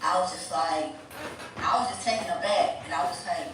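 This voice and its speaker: A woman's voice: on the low side, brisk, over music. A woman telling a personal story in a casual, candid, rambling way, swearing freely. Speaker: vlogger. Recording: roomy echo, distant mic, ambient noise.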